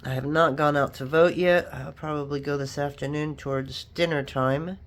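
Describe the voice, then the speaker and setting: Stuffed up and a bit sniffly, as if from a cold or allergies, a crafter chats through a project while working. The pitch is mid-range, with fairly even intonation and a moderate pace. It's a rambling, casual tutorial that keeps wandering into side remarks.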